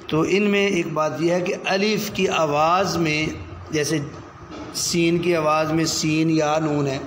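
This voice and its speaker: Guy teaching kids their letters, slow stretched-out sounds, slightly high voice, bit of hiss behind. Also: fairly even intonation. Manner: slow, drawn-out letter sounds for children to repeat. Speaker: Quran reading teacher. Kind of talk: call-and-response phonics lesson.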